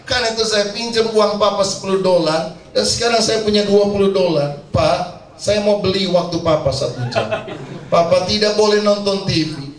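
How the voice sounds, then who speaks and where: A man's voice: high voice, close to an everyday voice. Brief: earnest little boy asking his dad for time, voiced by a male preacher, echoey and distant. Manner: earnest, pleading. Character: young son, earnest and pleading. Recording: echoey church hall, mic far off.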